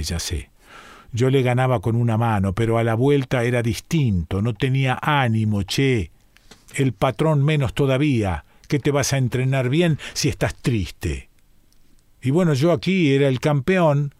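A man's voice: medium pitch, darkish tone, no room sound, clean studio sound. A man with a Rioplatense Spanish accent, performing a first-person story reading in a musing, colloquial way, his phrases often falling away. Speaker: reader performing a monologue.

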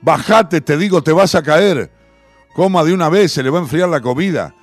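Male narrator voicing a sharp Rioplatense mum, raised and bossy, storybook. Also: high-pitched, huge pitch swings, slow pace, dry recording, faint music behind, voice pushed up, full character voice. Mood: scolding. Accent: Rioplatense Spanish. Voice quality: sharp, scolding. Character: scolding neighbor mother, impatient.

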